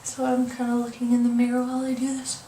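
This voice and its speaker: Fairly high-pitched yet dark and monotone, this young woman talks quickly through a makeup tutorial, her voice stuffy and congested. As a beauty vlogger, she's hesitant, full of ums and apologies. Her camera mic picks her up from across a room at home, giving roomy, distant audio with a faint hiss.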